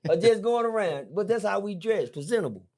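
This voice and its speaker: A middle-aged man, a podcast guest, telling a story in a lively, slangy way, repeating himself and jumping high when excited. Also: fairly quick. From Texas. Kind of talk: animated storytelling. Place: podcast studio.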